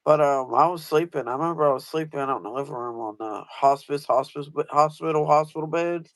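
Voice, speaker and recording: A man's voice: mid-range voice, quick pace, a bit bright, dry recording. Man, casual host, rambling storyteller, lots of ums and restarts, dry close sound. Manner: rambling, many fillers and restarts. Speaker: host asking guest questions.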